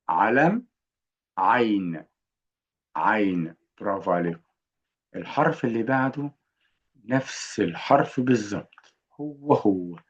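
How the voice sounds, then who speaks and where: A man with an Egyptian Arabic accent teaching the alphabet to beginners, patient and encouraging, repeating each sound slowly. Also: fairly low pitch, darkish tone, muffled recording.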